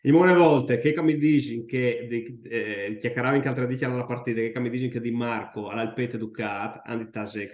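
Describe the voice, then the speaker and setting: A man with a Friulian accent co-hosting a casual football chat, recorded with echoey room sound. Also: mid-range voice. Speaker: podcast co-host.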